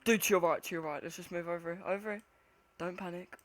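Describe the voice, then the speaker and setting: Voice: medium pitch, steady tone, fast. A scared horror game streamer chatting casually and swearing with a co-player, jumpy and panicky, moving between nervous muttering and shrieks. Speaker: gamer playing an online horror game.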